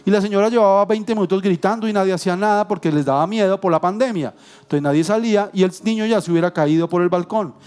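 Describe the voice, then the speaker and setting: High-voiced pastor telling stories. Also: male voice, quick pace, smooth, soft background music. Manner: animated, humorous storytelling with self-corrections and jokes. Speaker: guest pastor. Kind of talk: sermon with personal storytelling. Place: church.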